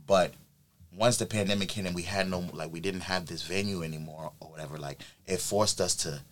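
Speaking a bit fast in a deep voice, this event planner, raised in New York, shares his story in a casual podcast chat, loose and relaxed, thick with ums and likes.

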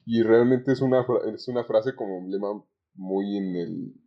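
A young Mexican man who works as a call center agent speaks conversationally as a podcast guest, his voice on the low side. He recounts work anecdotes with halting phrasing and repeated words, and the recording sounds dull and lo-fi.

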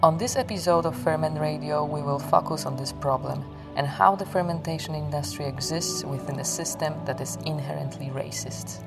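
A woman host reading a scripted podcast introduction in an earnest, measured way. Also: deep voice, steady tone, vocal fry. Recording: loud music under voice.

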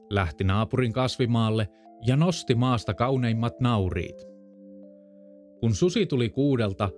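Man calmly reading a fairy tale. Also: mid-range voice. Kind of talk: storybook narration.

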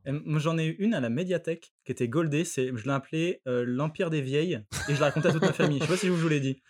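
Fast-talking animated French man. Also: fairly high pitch. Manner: animated, crude, acts out voices. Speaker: storyteller in a podcast chat. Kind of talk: casual chat, telling an anecdote.

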